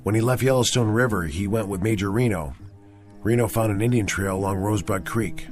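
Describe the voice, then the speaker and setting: A man's voice: on the low side, brisk, over music, close to an everyday voice. An actor playing an earnest army sergeant who insists on what his patrol heard. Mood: insistent. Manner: earnest, respectful.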